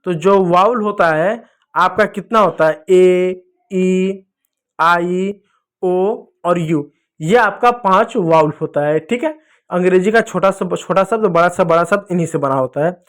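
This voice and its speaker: A man teaching children English reading in a lesson, asking questions and answering them himself, and sounding out letters slowly. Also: sits high, fairly bright tone. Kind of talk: Hindi phonics lesson for kids.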